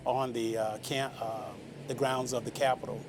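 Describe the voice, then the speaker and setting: A middle-aged or older man answering in an interview in a halting manner. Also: medium pitch, flat delivery. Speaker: interviewee, former state representative. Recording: faint ambience and vehicle noise.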